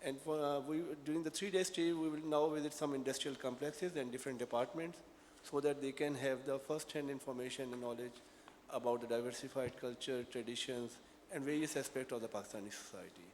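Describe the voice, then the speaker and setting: A man giving formal welcome remarks as an academy program director, measured and pausing often on "uh". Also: medium pitch, fairly even intonation, a little mellow. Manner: measured, with frequent "uh" hesitations. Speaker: academy program director leading a visiting delegation. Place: official meeting hall. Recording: reverberant hall with faint room noise.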